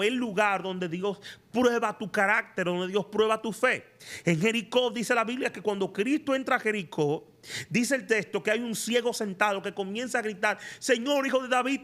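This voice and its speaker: A man's voice: high-pitched, fairly bright tone. A man preaching a sermon as a prophet and teacher, asking emphatic rhetorical questions. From Latin America.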